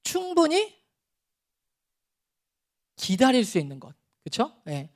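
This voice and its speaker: A middle-aged man preaching a sermon as a pastor, talking in a relaxed, conversational way with chuckles and acted-out scolding. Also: extremely high pitch, takes it slowly.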